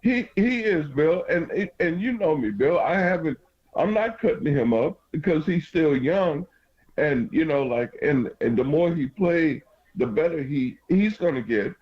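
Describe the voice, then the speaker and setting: A man calling a sports radio show, giving opinions casually and haltingly, repeating and restarting his phrases. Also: fairly high pitch, lively intonation. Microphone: phone call to radio show. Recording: band-limited phone line.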